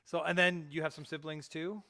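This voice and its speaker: A man's voice: fairly high pitch, flat delivery, a little fast, pushed and bright. A man hosting a podcast from Canada, asking friendly questions and chatting casually. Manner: friendly, chatty, laughs along. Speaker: podcast host.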